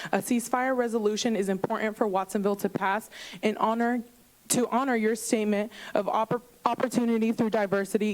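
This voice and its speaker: A woman of medium pitch stands at a podium microphone in a city council chamber and reads a prepared public comment. Her delivery is earnest and steady, with an impassioned edge running underneath. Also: rough recording.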